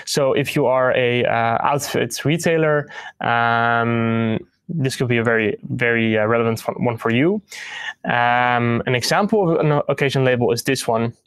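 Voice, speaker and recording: A man's voice: mid-range voice, normal speed, fairly bright tone, clear, resonant tone, no echo. A young man hosting a livestream, presenting product updates with frequent ums, uhs and restarts. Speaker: host of a partner news livestream.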